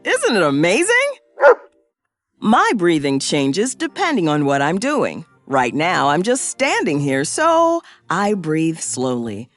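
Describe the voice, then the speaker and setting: In scripted narration for a children's science cartoon, a presenter performs a cheerful, excitable woman science professor for young kids. Her pitch swoops very widely in an exaggerated, sing-song, fully in-character delivery, slow and clearly explanatory in an upbeat mood. Soft music plays underneath.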